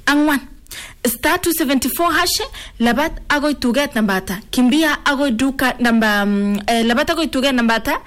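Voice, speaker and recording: High-voiced Kenyan woman on radio. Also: expressive, fairly quick. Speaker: radio host. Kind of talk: live radio giveaway promotion, code-switching chat.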